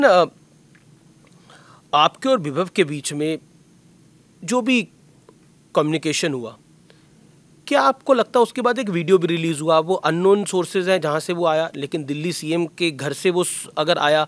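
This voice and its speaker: Measured male interview host. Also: on the high side. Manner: measured, probing questions.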